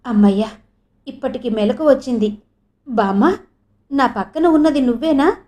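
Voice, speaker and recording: A woman's voice: sits high, normal speed, dark tone, natural voice. A woman voicing a frail, frightened young woman. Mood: relieved. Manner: weak, pleading, anxious questions.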